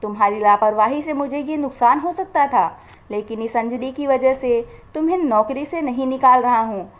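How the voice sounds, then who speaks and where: Storybook narrator's take on a stern, demanding male boss, read by a woman: high voice, brisk orders, dull lo-fi sound. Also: lightly acted. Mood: commanding. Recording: dull lo-fi recording.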